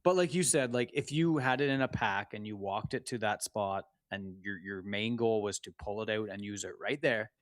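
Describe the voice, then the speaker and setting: A man's voice: lowish voice, normal speed, hardly any pauses, dry recording, clean studio sound. A man co-hosting a podcast, talking in a laid-back, rambling way and laughing often. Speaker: podcast co-host. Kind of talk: casual chat.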